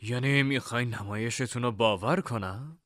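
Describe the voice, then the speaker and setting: A man's voice: medium pitch, a bit bright, no echo, clean studio sound, close to an everyday voice. A man voicing a cold, mocking young male rival. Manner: cold, sneering.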